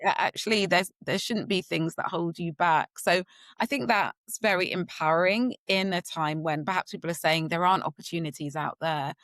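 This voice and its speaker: A woman's voice: fairly low pitch, normal speed, dry recording. A woman hosting a podcast interview, rambling a little with many fillers. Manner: warm, rambling, frequent fillers. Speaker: podcast host.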